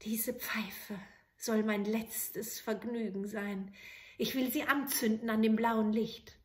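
A woman's voice: on the high side, lively intonation, normal speed, fairly bright tone. A woman playing a wary cheeky soldier. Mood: musing. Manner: wry, distrustful.

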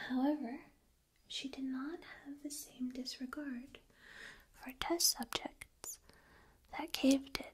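Slow, whispering ASMR woman. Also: high-pitched. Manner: soft, slow, deliberate whispering. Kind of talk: whispered ASMR analysis of a video game. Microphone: binaural microphone, ear to ear.

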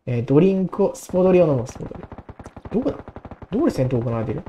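A woman in her twenties giving casual gameplay commentary, excitable and talking to herself, repeating words in quick bursts. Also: sits low, a little hiss or hum. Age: 20s. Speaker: gaming YouTuber.

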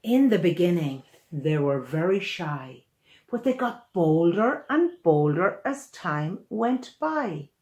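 A woman in her sixties, a children's author, reads her own picture book aloud to young listeners in a small room at home. Her voice sits on the low side, and her storytelling is animated, expressive, and deliberate.

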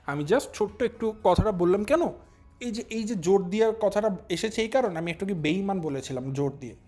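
A young man hosting a casual commentary vlog, talking straight to his viewers and mocking the people he discusses with drawn-out, emphatic stresses. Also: high-pitched, lively intonation, darkish tone. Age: young adult. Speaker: commentary channel host.

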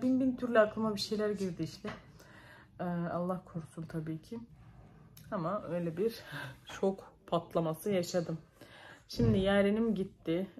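A woman's voice: on the low side, darkish tone, a little hiss or hum. A young woman with a Turkish accent, telling viewers a story in a casual vlog, emotional and breathless as she recounts events. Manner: emotional, breathless retelling with repeated calls. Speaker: vlogger.

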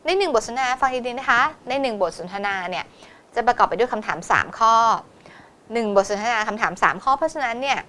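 Thai woman tutoring English, high voice. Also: expressive, pushed and bright. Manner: explains in Thai, reads English exam lines slowly. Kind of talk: test-prep lesson.

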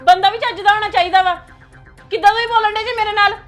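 A woman's voice: very high-pitched, steady tone, quick pace, a bit bright, faint music behind. An actress playing a fed-up young wife who complains indignantly about her husband. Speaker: actress in a family skit.

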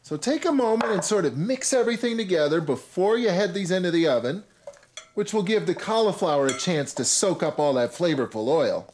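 A man's voice: high-pitched, lively intonation, brisk, a little mellow, slight background noise. A man in his thirties hosting a cooking show, talking viewers through each step in an upbeat, instructive way with playful asides. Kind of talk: scripted cooking show presenting. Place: home kitchen and supermarket.

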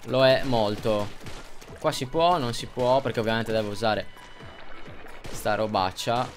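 A young man from Italy talks through a video game as he plays, excitable and quick to yelp when hit. He keeps repeating his words, and his delivery is unhurried between outbursts. Soft game music plays behind him. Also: medium pitch. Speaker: gaming youtuber. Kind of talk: gameplay commentary.

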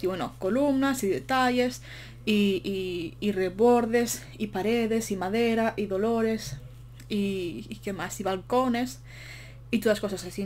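A chatty woman with a medium-pitched, slightly mellow voice rambles breathlessly while commenting on a game build, tossing in self-mocking asides. It's casual voice-over as she builds, with a little background noise.

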